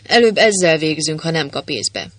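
A man's voice: on the high side, animated, fairly bright tone, dry recording. A man voicing a sarcastic, impatient baron who holds a gun, speaking in a cold, mocking, curt way.

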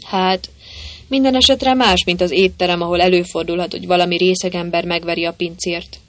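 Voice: mid-range voice, fairly even intonation, fairly bright tone, dry recording, close to an everyday voice. A reader voicing a timid, naive young man in an audiobook, speaking hesitantly. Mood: nervous. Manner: hesitant, babbling. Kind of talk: audiobook reading.

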